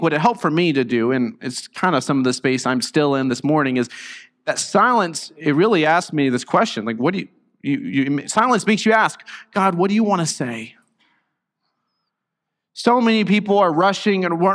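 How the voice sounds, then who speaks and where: A man's voice: on the high side, fairly bright tone, in a large hall. A middle-aged male pastor preaching a conversational sermon, his voice recovering after being lost. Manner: earnest, conversational preaching with restarts. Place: church sanctuary.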